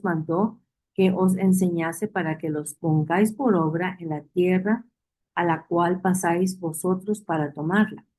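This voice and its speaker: Woman Bible teacher, mellow warm tone, repeats points, quizzes the class. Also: medium pitch, low-quality recording. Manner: reads verses aloud and asks the class questions; repeats key phrases for emphasis.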